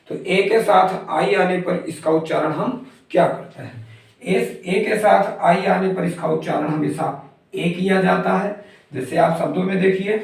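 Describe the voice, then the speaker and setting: In a very echoey room, far from the microphone, a man with a high, creaky voice gives an explanatory pronunciation lesson. He spells every English word letter by letter before pronouncing it, working methodically.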